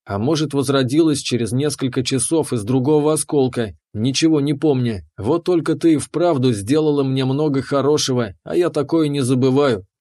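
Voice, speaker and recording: A man's voice: medium pitch, moderate pace, hardly any pauses, dark tone. Man narrating a fantasy audiobook.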